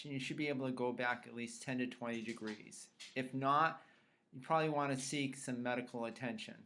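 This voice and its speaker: A man's voice: medium pitch, a bit bright. Man giving step-by-step fitness instruction. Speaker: fitness trainer presenting a tutorial. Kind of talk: instructional explanation of self-tests.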